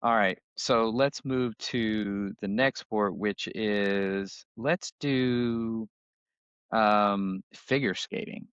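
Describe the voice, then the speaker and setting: A man's voice: on the low side, very slow, a bit bright, clean tone, dry recording, dull audio. A man co-hosting a podcast, chatting casually and jokingly, at times reading notes aloud. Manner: laid-back, jokey, reads notes aloud. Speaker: podcast co-host. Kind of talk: casual chat.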